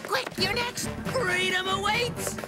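Casting: a shrill, excitable cartoon creature, slow and sing-song, over cartoon music. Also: female voice. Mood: excited. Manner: exclamatory, quick swings of pitch. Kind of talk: cartoon voice acting. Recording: music underneath.

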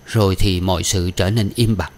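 Male audiobook narrator, low voice. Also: fairly even intonation, moderate pace. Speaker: audiobook reader. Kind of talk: scripted novel narration.

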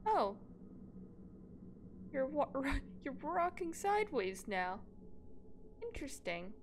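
A woman's voice: sits high, sing-song, takes it slowly, a little hiss or hum. A woman playing a video game and commenting aloud in a chatty, joking way, reacting as she goes. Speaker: let's play gamer. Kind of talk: casual let's play commentary.

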